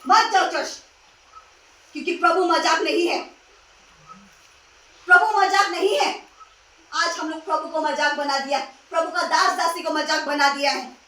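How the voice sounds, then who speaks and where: A woman's voice: very high-pitched, measured pace, long pauses, pushed and bright. A woman preaching a sermon, urging listeners with rhetorical questions and repeated phrases. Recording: echoey room from a distance.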